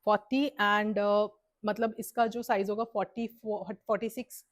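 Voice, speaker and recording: A middle-aged woman presents garments in a lively sales pitch, switching freely between Hindi and English. Her voice sits at an ordinary pitch for a woman, and she urges viewers not to miss out. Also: normal speed. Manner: mixes Hindi and English, enthusiastic and persuasive. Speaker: boutique owner selling suits.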